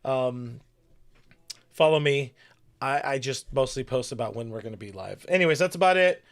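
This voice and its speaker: A man's voice: medium pitch, moderate pace. A man hosting a sports podcast, chatting loosely and joking through his sign-off. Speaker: podcast host. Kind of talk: casual chat.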